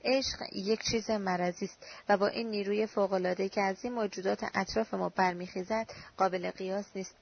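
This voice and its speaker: A weary young woman speaks with quiet, resigned doubt, as a woman narrator reads her. Her pitch sits in an ordinary middle range. The sound is dull and lo-fi. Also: steady tone, vocal fry, slightly rough. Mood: doubtful. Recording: dull lo-fi recording.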